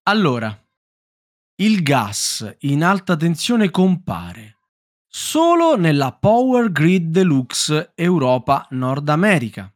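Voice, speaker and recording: A man's voice: on the high side, big pitch swings, slow pace, no echo, clean studio sound. A middle-aged man with an Italian accent hosting a casual board game quiz in a teasing, theatrical way. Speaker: quiz show host.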